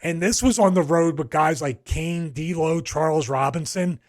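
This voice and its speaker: A man's voice: on the high side, a little slow. A middle-aged man with a Philadelphia accent, co-hosting a podcast in casual, rambling chat full of restarts. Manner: rambling, storytelling with frequent restarts and fillers. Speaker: podcast co-host.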